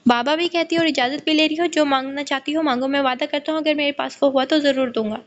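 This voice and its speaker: A woman reading the lines of a gentle fatherly older man. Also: high voice, steady tone, fast talker, lo-fi sound, natural voice. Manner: affectionate, warmly firm.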